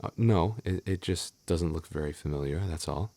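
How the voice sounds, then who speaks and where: A man speaks in a low voice, with no echo, as a sheepish young knight in an intimate audio roleplay. The character is devoted and quick to get flustered, and he talks haltingly and politely with tender attentiveness.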